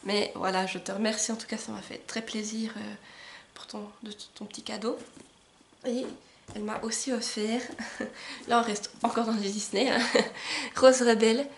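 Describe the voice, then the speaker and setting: A woman's voice: fairly high pitch, fairly even intonation, normal speed, pauses often, a little hiss or hum. Chatty young woman showing her book gifts. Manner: chatty and enthusiastic, many "euh" fillers and small laughs. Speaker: book vlogger. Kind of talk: casual book haul chat to camera. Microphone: camcorder microphone.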